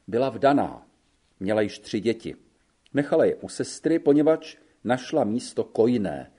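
A man reading a classic story aloud as narrator, measured and expressive. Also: mid-range voice, husky.

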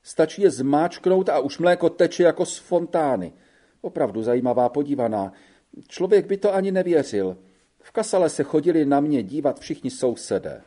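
A man's voice: a little high, lively intonation, dark tone, pitched above the performer's own voice. A male narrator voicing a young Italian woman working as a wet nurse, tired and complaining on a hot train ride. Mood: chatty. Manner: plaintive, sighing complaints.

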